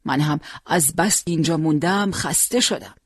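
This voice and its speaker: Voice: mid-range voice, slightly rough, no room sound, clean studio sound, natural voice. A reader doing an earnest old grandfather. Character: old male grandfather volunteer, stubborn and kindly.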